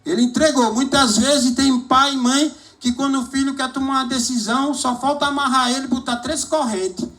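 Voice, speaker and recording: A man's voice: extremely high pitch, fairly even intonation, moderate pace, hardly any pauses, bright, forceful tone. A man preaching a sermon, exhorting the congregation and calling for amens. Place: church service hall.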